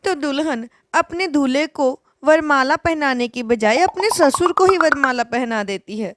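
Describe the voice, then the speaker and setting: A woman narrating a cartoon story in a plain, even storytelling voice. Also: high voice, unhurried, dry recording, clean studio sound.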